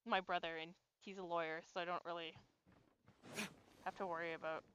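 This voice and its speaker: A woman in her twenties chatting casually on a gaming stream, talkative and quick to laugh, filling her talk with "like". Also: on the low side, level tone, fairly bright tone, clear, resonant tone, dry recording, muffled recording. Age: 20s. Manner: chatty, laughs easily, lots of "like".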